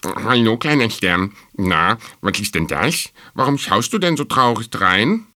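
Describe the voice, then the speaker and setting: A man's voice: on the low side, expressive, measured pace, sharp tone, dry recording, clean studio sound. A man voicing a small, friendly squirrel in a storybook reading, cheerful and kind.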